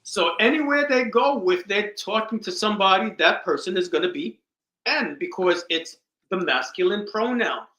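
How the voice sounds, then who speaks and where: This podcast co-host has a bright, high voice and talks at a normal speed, swapping stories in a casual chat. Animated throughout, he performs the voices of whoever he's quoting, and the recording carries an echo from the room.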